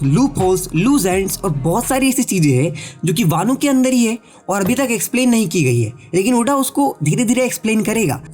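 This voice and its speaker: Pitched high with a darkish tone, the male narrator is clearly nursing a sore throat and a blocked nose. He's an anime theory YouTuber doing a laid-back explainer, talking directly to his audience, dropping in English words, over a separately recorded voice-over track.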